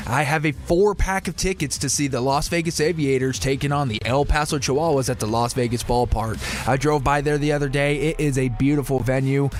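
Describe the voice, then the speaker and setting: A man co-hosting a radio show, delivering a contest promo that gives away tickets to callers. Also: mid-range voice.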